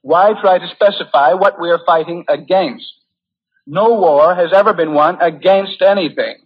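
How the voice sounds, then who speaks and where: Heard on a muffled, lo-fi 1940s radio recording, an American war correspondent delivers a formal, earnest prepared address. His voice is high-pitched with a breathy edge, and he speaks at a moderate pace.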